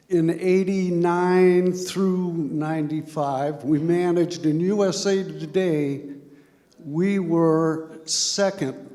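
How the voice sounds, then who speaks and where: Slow-talking older man. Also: a little high, dark tone. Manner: slow, reflective storytelling with a chuckle. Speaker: retired high school football coach. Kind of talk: interview on stage. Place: large banquet hall. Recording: reverberant banquet hall.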